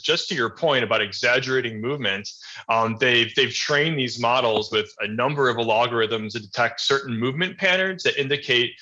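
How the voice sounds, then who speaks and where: A man answering interview questions about healthcare technology in a measured, explanatory way with frequent ums. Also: mid-range voice, sharp tone. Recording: dull lo-fi audio.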